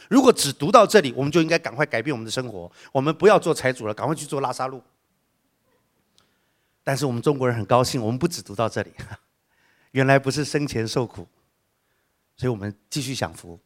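A man preaching a sermon, joking with the congregation and acting out the voices of the people he quotes. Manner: lively, acts out quoted voices with big pitch jumps; humorous asides with laughter.

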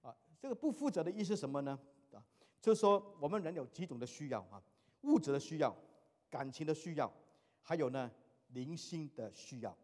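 Middle-aged man, pastor, lively storytelling sermon, fairly high voice, long hall echo. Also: brisk. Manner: animated storytelling, mixing in English phrases.

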